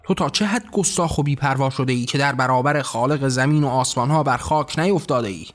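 A man voicing a wrathful almighty male god on his throne, shouting commands and threats. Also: medium pitch, close to an everyday voice. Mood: furious.

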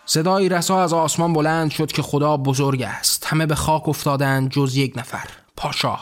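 A man reading a dramatic story aloud in a measured, solemn way. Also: on the high side, steady tone. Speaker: narrator.

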